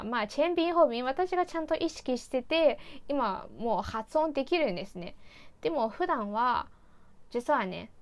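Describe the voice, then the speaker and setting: A young woman from China talks casually to her viewers. Her voice sits a little high. She is a native Chinese speaker, with many fillers and self-deprecating asides. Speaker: vlogger. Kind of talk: casual chat about learning Japanese.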